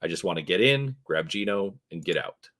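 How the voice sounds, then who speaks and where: A hard-edged female mercenary with clipped, businesslike lines, read by a man in his own very low voice. The delivery stays plain rather than acted. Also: expressive, a little fast, a bit bright. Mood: brisk. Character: tough, terse female street mercenary.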